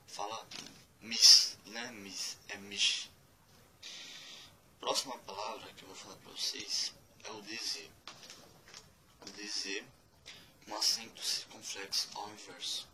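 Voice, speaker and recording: A man giving a casual spoken lesson, spelling out letters one by one and repeating words slowly. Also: lowish voice, steady tone, bright, forceful tone, slight background noise, low-quality recording. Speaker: language teacher.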